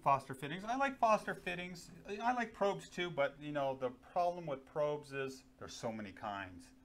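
In a small studio with guns displayed on the wall, a middle-aged man on a lapel mic enthusiastically and casually discusses gear, dropping in many fillers. His voice runs on the high side with big pitch swings at a moderate pace, and a faint hiss or hum is audible.

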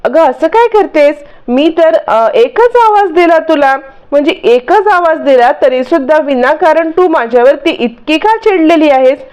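Lady doing confused husband, defensive, high-ish voice, muffled sound. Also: animated, unhurried, few pauses, a little mellow. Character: young husband, puzzled and defensive.

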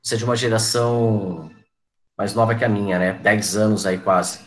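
A man in his forties talks to his online class in a loose, reminiscing way. His voice sits a little low, and he keeps turning to students by name as he goes. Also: steady tone, moderate pace. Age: 40s. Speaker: teacher.

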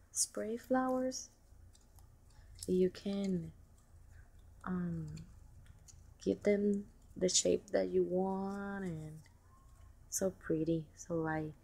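A woman talks slowly and softly through a craft haul, with a low voice and plenty of ums. Plastic packaging crinkles and rustles clearly behind her. She is recorded indoors at a table by a camera looking down at her hands. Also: slight background noise. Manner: soft, unhurried, fond, with many ums and small laughs. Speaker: crafting vlogger showing a shopping haul. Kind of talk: casual show-and-tell. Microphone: camera pointed down at table.

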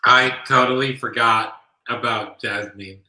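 Gushing man with a bright voice. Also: medium pitch, steady tone, a little slow. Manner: gushing, enthusiastic. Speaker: guest. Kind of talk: casual chat. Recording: echoey room.

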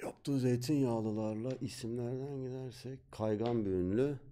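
A man's voice: mid-range voice, normal speed, mellow, a little hiss or hum. A man bantering and delivering jokes as a contestant in a comedy quiz. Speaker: comedy game show contestant. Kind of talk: joking banter. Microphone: studio desk microphone.

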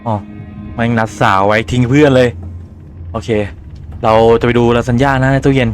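A man's voice: medium pitch, steady tone, normal speed, soft background music. A man with a Thai accent and a slight cold, casually commentating a horror game, swearing and reading game lines aloud. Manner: chatty, swears casually, reads game dialogue aloud in his own voice. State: has a cold, phlegmy throat. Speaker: gaming YouTuber. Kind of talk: casual let's-play commentary.

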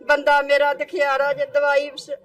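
A woman's voice: high-pitched, completely flat delivery, normal speed, far from the mic. An older woman whose home was lost to a flood, crying as she pleads for help. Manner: tearful, pleading. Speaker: flood-hit homeowner.

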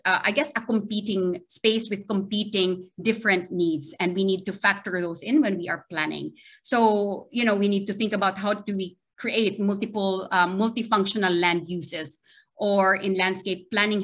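A hesitant middle-aged woman from the Philippines lectures online for a university seminar, her Filipino-accented voice medium in pitch and a bit bright. She frequently tags her points with "right?" from a small video-call window.

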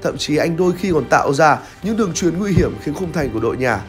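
A man's voice: on the high side, expressive, fast talker, faint music behind. Young man narrating a football review. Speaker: football commentator. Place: red studio set with screens. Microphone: lavalier mic on shirt.

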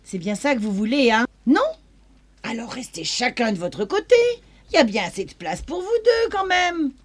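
A woman's voice: fairly high pitch, sing-song, normal speed. A woman playing an exasperated, stern mother scolding her children in a dramatised story. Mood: stern warning.

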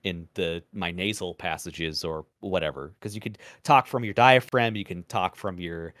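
A man and former radio presenter, chatting as a podcast guest in a measured, deliberate way, projecting from the diaphragm and swearing casually. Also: low-pitched, fairly bright tone, dry recording. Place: podcast recording.

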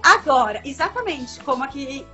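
Speaking at a moderate pace, a high-pitched Brazilian woman in her 30s is lively and emphatic, full of fillers and restarts. She's a comics editor guesting on a casual video-call interview from a home room lined with bookshelves. The laptop webcam produces dull lo-fi audio with faint music underneath.

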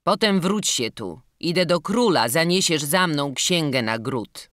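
A woman reading the part of a stern elderly male canon scholar, giving brisk, commanding orders. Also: deep voice, lively intonation, fairly bright tone, no room sound, studio quality, pitched above the performer's own voice.

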